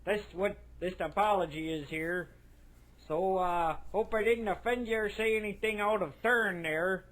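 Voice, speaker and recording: A man's voice: high-pitched, moderate pace, a bit bright. A man voicing a long-winded male cartoon coach who leaves a folksy, rambling apology on an answering machine. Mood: sheepish.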